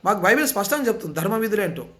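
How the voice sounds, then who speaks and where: A man with a notably high-pitched voice delivers an impassioned sermon. He presses his points with repeated rhetorical questions and insistent appeals. His speech. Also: very animated, racing, bright, forceful tone.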